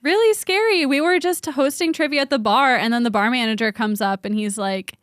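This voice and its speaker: A woman's voice: sits high, a little fast, no echo. Wry young woman co-host, dry close sound. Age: 20s. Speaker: podcast co-host. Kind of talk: casual chat.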